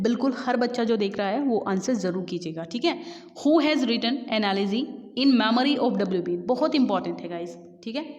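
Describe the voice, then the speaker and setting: Woman tutor, casual exam-prep lesson, slightly high voice, long room reverb. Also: a little mellow. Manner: chatty, addresses viewers as guys, reads questions slowly. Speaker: English literature teacher. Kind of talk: exam-prep lesson in Hindi-English mix. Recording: dull lo-fi sound with long reverb.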